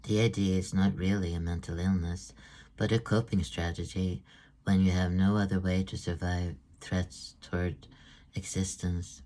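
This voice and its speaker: A middle-aged man presents his book as an author, reading in a measured, even way. His voice sits low and stays flat in its melody. The tone is dark and mellow. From Sweden. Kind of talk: read-aloud book presentation.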